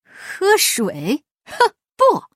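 A woman's voice: on the high side, lively intonation, unhurried, no room sound, clean studio sound. A woman voicing a pompous, bullying middle-aged male magistrate in a storybook reading, blustering and stammering. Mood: bossy. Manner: blustering, shouting, stammering in panic.

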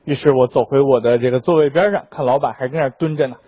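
A young man doing a stand-up comedy monologue, telling an exaggerated story in an animated way. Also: medium pitch, quick pace, muffled recording, slight background noise. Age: young adult.

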